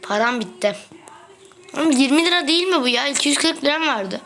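A young woman playing a mobile game and giving excitable, trash-talking commentary, playfully complaining as she goes. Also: high voice, a little fast. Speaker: gaming video host. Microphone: phone.

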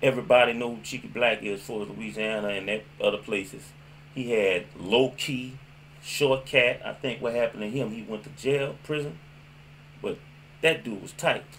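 A man's voice: lowish voice, fairly even intonation, normal speed, a bit bright, a little hiss or hum. A middle-aged man with a New Orleans accent, reminiscing casually and slangily to camera, often repeating himself as he recalls. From New Orleans, USA. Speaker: host of a local music history show. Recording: music playing behind the voice. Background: background music.

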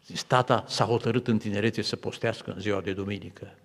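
A man's voice: on the low side, steady tone. A man from Romania preaching a sermon to his congregation, telling stories and quoting others. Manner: storytelling with acted quotes, building to fervent appeals. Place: large church hall. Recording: reverberant church hall.

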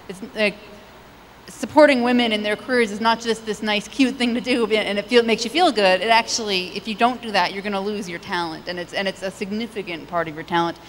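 A woman's voice: medium pitch, fairly bright tone. A woman in her thirties speaks on a conference panel, loose and conversational with many restarts. Her handheld mic carries a long hall reverb. A faint hiss sits underneath. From United States. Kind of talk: panel discussion answers. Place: large conference stage. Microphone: handheld microphone.

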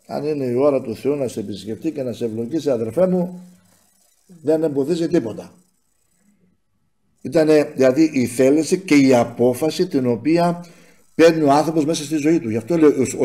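A man's voice: fairly high pitch, darkish tone. A man preaching a sermon in a church community, telling a personal testimony and often calling to his listeners as brothers and sisters.

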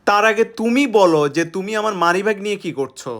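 A man's voice: high-pitched, quick pace, a bit bright. A man playing a suspicious young husband. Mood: confronting. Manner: musing to himself, then confronting. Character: suspicious young husband missing his money. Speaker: husband in comedy skit. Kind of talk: comic skit acting.

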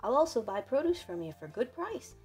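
A woman's voice: fairly high pitch, sing-song, a little fast, darkish tone, slightly rough, faint music behind, voice pushed up. A woman voicing a friendly, eager male village shopkeeper from a video game.

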